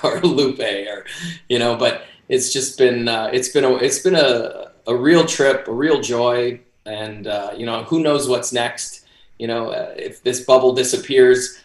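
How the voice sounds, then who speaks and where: Male interview guest, forties, conversational, mid-range voice, roomy video-call sound. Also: mid-range voice. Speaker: interview guest, boxing ring announcer. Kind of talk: casual interview chat. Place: small home office, indoors. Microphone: video call, computer mic at desk distance.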